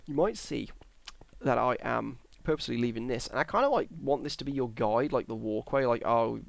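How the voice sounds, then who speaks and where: A man's voice: mid-range voice, animated, a little fast, vocal fry, no room sound. A tired young man, rambling and hesitant as he commentates his Minecraft build. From England. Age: young adult. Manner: rambling, hesitant, self-correcting. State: tired, yawning. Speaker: Minecraft YouTuber. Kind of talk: casual gameplay commentary.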